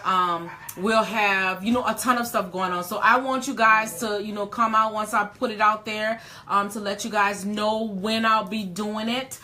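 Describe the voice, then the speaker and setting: A woman's voice: medium pitch, steady tone, normal speed, hardly any pauses, pushed and bright. A woman in her late forties hosting a casual live chat, emphatic and folksy, repeating words for stress. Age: 40s. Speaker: host.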